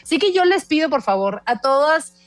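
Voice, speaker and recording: A woman in her forties with a Mexican accent, a guest speaking in an animated, emphatic way on a casual podcast. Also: sits high, fairly quick, no echo, faint music behind. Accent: Mexican Spanish. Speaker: guest language expert.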